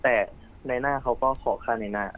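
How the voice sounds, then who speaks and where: A man's voice: medium pitch, fairly even intonation, faint music behind. Hesitant man on a tinny line. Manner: hesitant, halting explanations. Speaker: caller, young broker. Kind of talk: casual chat.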